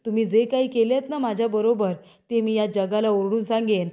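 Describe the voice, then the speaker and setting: A vengeful villainess from a TV serial hurls taunts and promises ruin, as a woman narrator puts her on. The voice sits a little high and has a mellow, warm tone. Her threats come out in repeated, menacing bursts. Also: fairly even intonation, brisk, natural voice. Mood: taunting.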